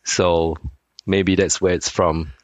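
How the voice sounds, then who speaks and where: Man in his forties, deep voice, easygoing, halting guest with a dry close sound. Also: level tone, dry recording. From Singapore. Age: 40s. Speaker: guest, sneaker designer. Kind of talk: casual interview chat.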